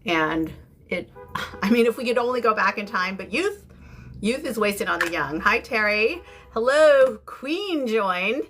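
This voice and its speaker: Chatting casually and informally to her livestream viewers, this beauty host in her fifties has an American accent, though she comes from the UK and lives in San Francisco. Her medium-pitched voice swings widely in pitch, unhurried and a bit bright. Clear recording, with background noise and room ambience.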